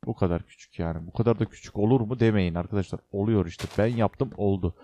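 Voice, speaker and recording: Young man, casual let's play host, chatty and joking, lowish voice, mellow tone. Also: quick pace, slight background noise. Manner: chatty, talks to viewers and the game, jokey exclamations. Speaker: gaming channel host.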